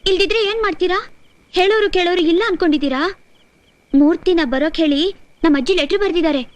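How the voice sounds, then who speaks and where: A woman's voice: very high voice, fast talker, no echo. A young actress playing a frightened young woman who pleads tearfully in a film drama. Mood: pleading. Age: young adult. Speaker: young heroine.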